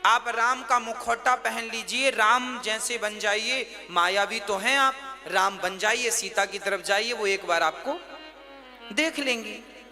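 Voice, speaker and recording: A man voicing a devoted queen who gently persuades her husband, as part of a sacred story. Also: high voice, takes it slowly, long reverb tail, exaggerated voice. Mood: coaxing. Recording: instrumental music behind.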